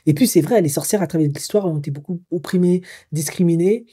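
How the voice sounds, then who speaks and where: A woman from Africa comments in her vlog. Her low, husky, mellow voice drifts along as she reflects aloud. She hesitates often as she weighs her opinions. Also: fast talker. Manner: musing and hesitant, thinking aloud with frequent fillers. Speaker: psycho-emotional coach. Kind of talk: commentary vlog, partly reading an article aloud.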